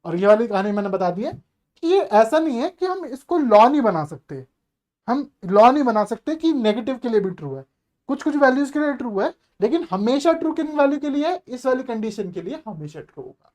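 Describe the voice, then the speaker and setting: A man's voice: very high voice, very animated, normal speed, darkish tone. A male maths teacher giving an online exam-prep lecture, chatty and coaxing, asking the class rhetorical questions and mixing English terms into his explanations.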